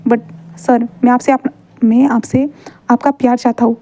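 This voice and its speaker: A woman voicing a young male student in a fan story read aloud. The student pleads softly and hesitantly, often repeating words. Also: fairly high pitch, level tone, normal speed, lightly acted. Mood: pleading.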